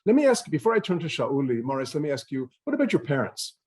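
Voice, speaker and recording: Quick-talking male interviewer. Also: fairly high pitch, sing-song, darkish tone. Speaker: interviewer, festival host. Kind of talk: interview conversation.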